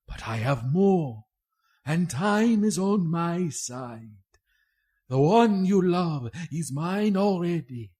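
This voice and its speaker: Vampire count in a radio play, super slow, taunting n possessive, menacing. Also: male voice, mid-range voice, warm tone. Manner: slow, taunting, incantatory delivery.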